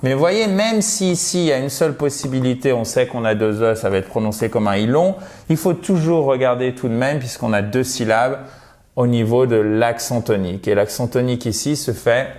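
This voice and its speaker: A man's voice: medium pitch, darkish tone. Male teacher giving a video lesson on pronunciation, encouraging and direct with viewers. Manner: slow, drawn-out English model words.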